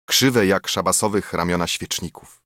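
A man reading epic verse aloud as an audiobook narrator, in a measured, rhythmic recitation. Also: deep voice, fairly bright tone, dry recording, studio quality.

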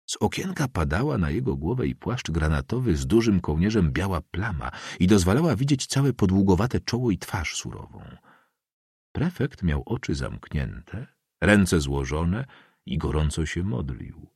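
Niski, zachrypnięty lektor audiobooka. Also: male voice, low voice, breathy edge, no echo, studio quality. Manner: measured, expressive reading. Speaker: audiobook narrator. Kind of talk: scripted literary narration.

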